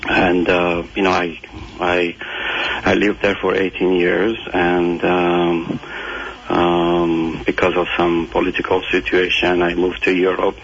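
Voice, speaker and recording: A very deep, gravelly male voice from Iran, answering slowly with many pauses and restarts. The sound is a muffled radio broadcast with a faint hiss behind it. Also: completely flat delivery. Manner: hesitant, many fillers and restarts. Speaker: guest doctor. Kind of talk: radio interview.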